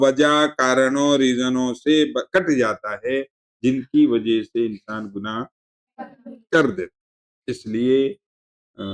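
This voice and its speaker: A man of middle pitch teaching a classroom religious lesson. He talks informally and wanders off on side stories. He circles back to define each word twice over. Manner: conversational, digressive, explaining terms with repetition.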